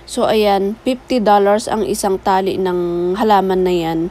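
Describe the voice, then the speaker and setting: A woman vlogs a casual walk through a street market in the city, talking to her audience as "guys" the whole way and recording on a handheld phone. She speaks a bit slowly in a steady, medium-pitched voice, while loud traffic and street sounds fill the background.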